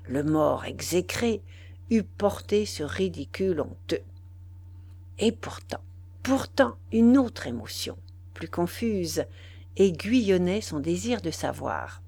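A woman reading a novel aloud as scripted narration, measured and expressive. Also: lowish voice, creaky, slightly rough, dry recording. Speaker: audiobook reader.

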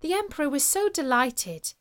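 A woman reading a fairy tale aloud as storyteller, in an expressive, measured way. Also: high voice.

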